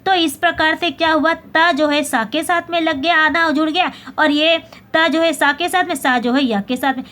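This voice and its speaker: A woman teacher with a high voice leads a Hindi lesson. She explains patiently, repeats words slowly and gives the letters little personalities so the students follow. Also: steady tone, bright, forceful tone. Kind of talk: classroom lesson explaining pronunciation.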